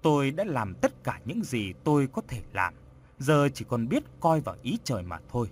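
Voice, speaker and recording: A man's voice: medium pitch, very animated, moderate pace, a little hiss or hum, natural voice. A man voicing a grave, resigned village sorcerer in a storybook reading. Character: weary old village sorcerer.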